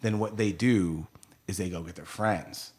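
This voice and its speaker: A man's voice: low voice, a little slow, a little mellow. A middle-aged man from upstate New York, a DJ, chatting as a podcast guest and acting out quotes in his stories. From Rochester, New York. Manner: chatty storyteller, acts out quotes. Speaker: DJ and radio host guest. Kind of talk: casual podcast interview.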